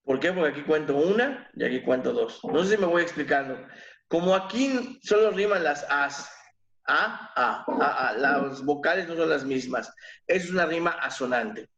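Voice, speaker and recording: A man teaching an online literature class, explaining slowly and patiently, with fillers and self-corrections. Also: fairly high pitch, animated, fairly bright tone, dull audio. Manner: slow, explanatory, counting syllables aloud with fillers and self-corrections. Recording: echoey room.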